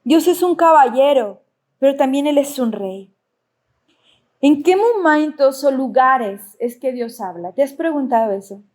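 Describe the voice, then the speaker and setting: A high-pitched woman preaching from the pulpit. She is middle-aged and delivers her sermon expressively, checking in with the congregation through frequent questions. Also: expressive, measured pace, darkish tone. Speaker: pastor.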